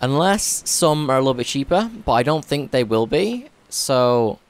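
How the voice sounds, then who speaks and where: A man's voice: medium pitch, big pitch swings, moderate pace, dry recording. Chatty man narrating his gameplay. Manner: chatty, self-correcting, thinks aloud. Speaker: gaming YouTuber. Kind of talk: casual let's-play commentary.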